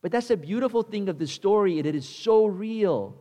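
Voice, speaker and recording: A man's voice: sits high, expressive, moderate pace, warm tone, long reverb tail. A male pastor preaching a conversational sermon, repeating himself and acting out the characters.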